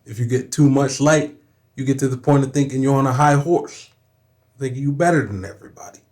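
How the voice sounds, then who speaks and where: A young rapper from Southern California guests on a podcast and tells a personal story candidly and emphatically. He swears often and keeps saying "you know what I'm saying." His medium-pitched voice is brisk and a little mellow.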